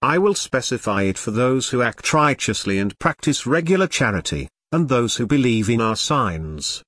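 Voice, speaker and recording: A man reading scripture in translation, delivering it solemnly in short, measured phrases. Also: mid-range voice, big pitch swings, fairly bright tone, no room sound. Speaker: scripture reader.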